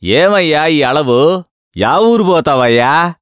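A cranky railway ticket clerk barks at people in a rough village dialect, put on by a man reading aloud. His voice sits high and swings widely. The recording is close and dry. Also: expressive, takes it slowly, fairly bright tone, no room sound. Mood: scolding. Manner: scolding in a rustic dialect. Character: gruff irritable male ticket clerk.

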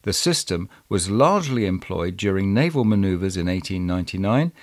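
A man hosting a podcast, reading historical documents aloud in a measured, expressive way. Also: deep voice. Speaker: podcast host and reader.

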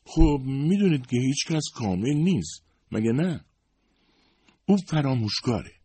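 A man's voice: mid-range voice, sing-song, dark tone, breathy edge, voice pushed up. A man voicing a humble, worried secretary in her fifties who talks hesitantly and apologetically. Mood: apologetic. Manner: hesitant, modest, self-excusing.

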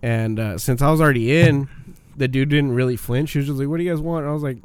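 A man's voice: mid-range voice, fairly even intonation, fast talker, clear, resonant tone, dry recording. A man in his twenties chatting casually like a frat bro, telling crude, slangy stories full of swearing. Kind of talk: casual chat, swearing storytelling.

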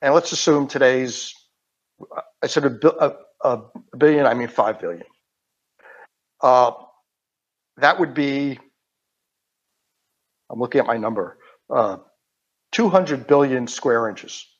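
An older man from New York with a Queens accent, explaining technical matters informally as a guest, haltingly and with digressions. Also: mid-range voice, slightly rough. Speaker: interview guest. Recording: dull, band-limited audio.

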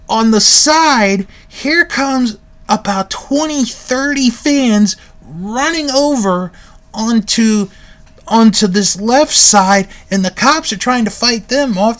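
Slow-talking man recapping a tape. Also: sits high. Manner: relaxed, self-correcting with frequent fillers. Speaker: video reviewer. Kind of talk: casual recap commentary.

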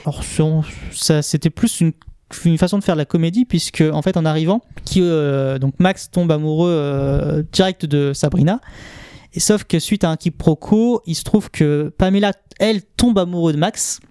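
A man's voice: on the high side, moderate pace, warm tone, clean tone, no room sound, studio quality. A man co-hosting a casual podcast, talking sentimentally with many hesitations and restarts. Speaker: podcast co-host. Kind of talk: casual chat and personal segment.

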